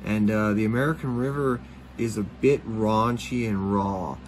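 A man's voice: lowish voice, fairly even intonation, unhurried, slight background noise, rough recording. A man hosting a fishing channel, talking casually in a rambling voice-over with many fillers and restarts.

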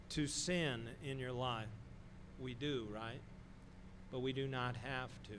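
A middle-aged man preaching a sermon in a slow, deliberate way, pausing often and stressing key words. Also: mid-range voice, noisy background. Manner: slow, deliberate delivery with pauses and emphatic stresses. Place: church sanctuary, speaking from a wooden pulpit.

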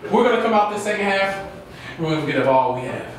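A man coaching basketball gives an exhorting halftime pep speech, loud and often shouting, with short repeated commands. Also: sits high, animated, fast. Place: indoor locker room. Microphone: far camera. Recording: roomy, distant camera microphone with noise.

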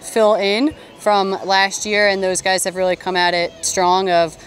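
A woman coach giving a postgame interview outdoors at a stadium, speaking into a handheld mic in a measured, upbeat way with frequent ums. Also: medium pitch, little pitch movement. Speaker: head coach. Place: outdoor stadium by a sports field. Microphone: handheld interview mic held in front.

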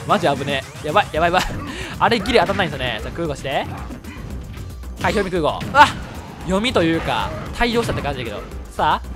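A man with a Kansai Japanese accent commentating his own fighting game matches, excitable and quick to shout and laugh at big plays. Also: fairly high pitch. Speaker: gameplay commentator. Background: background music.

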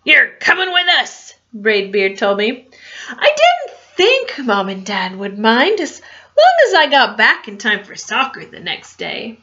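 A woman reading a picture book aloud to children in an animated way, with asides and questions for her young listeners, on a dull lo-fi recording. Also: a little high, unhurried. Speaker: storytime reader.

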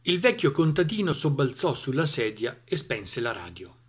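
A man reading a children's fable aloud with lively, expressive narration. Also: medium pitch, moderate pace, husky. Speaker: storyteller.

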